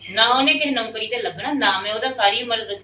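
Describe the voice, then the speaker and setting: A woman playing a sharp-tongued, complaining stepmother in a Punjabi family skit, arguing and grumbling. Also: on the high side, fairly quick. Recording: roomy echo, distant mic, noisy background.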